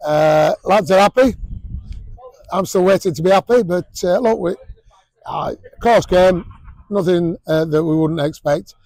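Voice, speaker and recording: A man's voice: sits high, a little slow, darkish tone, no echo, low-quality recording. A man, a rugby coach giving a blunt post-match interview outdoors, full of fillers and restarts. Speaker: rugby league head coach. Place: outdoors at a sports ground.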